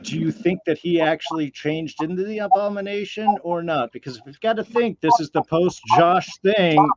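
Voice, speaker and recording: A man's voice: fairly high pitch, normal speed, highs cut off, background noise. A man hosting a casual review podcast, rambling and hedging with lots of fillers. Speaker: podcast host.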